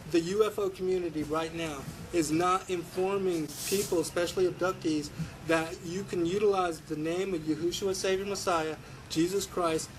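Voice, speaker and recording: Interviewer guy, a bit high-pitched, earnest, faint background noise. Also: fairly even intonation, normal speed. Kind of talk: interview talk.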